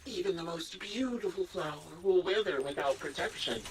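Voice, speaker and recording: A woman's voice: on the low side, animated, normal speed, recorded from a distance, background noise, natural voice. A woman playing a sadistic sniper villainess in a video game, taunting with mock-polite sweetness and theatrical relish. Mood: gleeful taunting.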